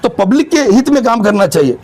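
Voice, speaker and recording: A man's voice: high voice, big pitch swings, a little fast, a little mellow. A man speaking as spokesman for market vendors in a street interview, complaining with emphatic agitation.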